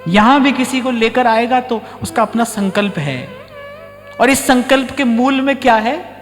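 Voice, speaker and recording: Male spiritual teacher, high voice, storytelling sermon in a reverberant hall with soft music. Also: measured pace. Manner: storytelling, acts out short dialogues. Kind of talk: devotional discourse. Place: ashram hall.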